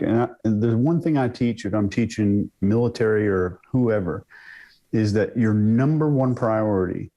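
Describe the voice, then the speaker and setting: A man on a casual panel who trains others, explaining his point in a measured, emphatic way. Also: on the low side, dark tone.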